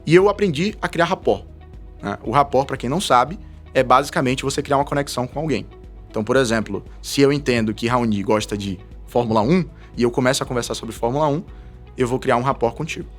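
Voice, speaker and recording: A man's voice: mid-range voice, soft background music. A man, a guest telling his story in a casual podcast interview. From Salvador, Brazil. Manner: fast, animated storytelling with frequent laughs. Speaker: guest, investment advisor.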